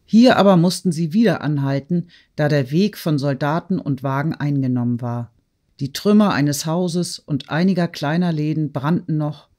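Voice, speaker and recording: A man reading a classic novel aloud in steady, measured audiobook narration. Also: a little high.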